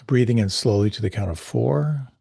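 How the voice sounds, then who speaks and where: A man teaching a guided meditation class, giving gentle, unhurried, soothing instructions with pauses. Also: medium pitch, creaky, breathy edge, no room sound, studio quality.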